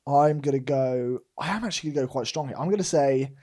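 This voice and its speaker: A man's voice: mid-range voice, fast, dark tone. A young man with a British accent, co-hosting a casual podcast chat, telling stories animatedly and laughing often. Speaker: podcast co-host.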